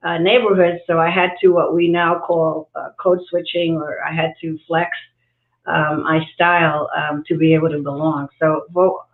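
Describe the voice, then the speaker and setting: Her voice sits low, with flat delivery and a moderate pace: she's an executive coach, raised between Cuba and New York City, guesting on a livestream interview. Thoughtful but full of fillers and restarts, she comes through a video call with echoey, phone-like sound.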